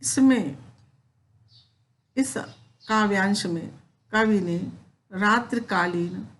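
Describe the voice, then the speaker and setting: Slow-speaking woman teaching poetry. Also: medium pitch, fairly bright tone. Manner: recites verse lines, then explains them in plain Hindi. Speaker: Hindi teacher. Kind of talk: recorded lecture explaining poetry.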